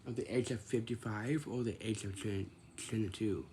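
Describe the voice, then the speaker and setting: A man's voice: lowish voice, fairly even intonation, moderate pace, warm tone, slight background noise. A man in his twenties talking casually to the camera, repeating himself and answering his own questions. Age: 20s. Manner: repetitive, asks himself questions and answers them.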